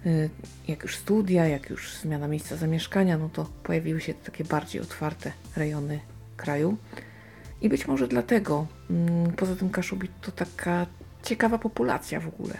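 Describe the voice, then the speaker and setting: A woman reviews books in an unscripted, casual way. Her voice is on the low side and mellow, with a lot of gravelly creak. She thinks aloud, hesitating and stretching out her pauses. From Silesia, Poland. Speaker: book reviewer. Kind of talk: casual unscripted book commentary.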